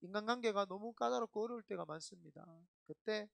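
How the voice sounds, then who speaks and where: A middle-aged man, a senior pastor, preaching a sermon in an emphatic, animated storytelling way. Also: high-pitched, fairly quick, vocal fry, no echo.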